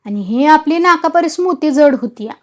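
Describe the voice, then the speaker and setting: A woman's voice: very high-pitched, sing-song, measured pace, voice pushed up, exaggerated voice. Woman voicing a hot-tempered village husband. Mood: angry shouting. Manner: shouting, rustic village speech.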